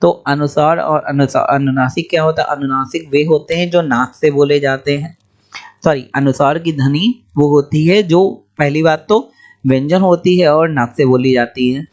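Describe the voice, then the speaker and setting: A young man teaching exam questions, explaining each answer briskly and repeating key points. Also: on the high side, fairly even intonation, darkish tone, dull audio.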